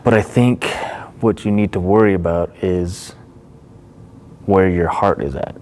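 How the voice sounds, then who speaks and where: A man's voice: low-pitched, measured pace, a little mellow, a little hiss or hum. A man co-hosting a casual faith podcast, speaking earnestly and acting out what other people might say. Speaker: podcast co-host.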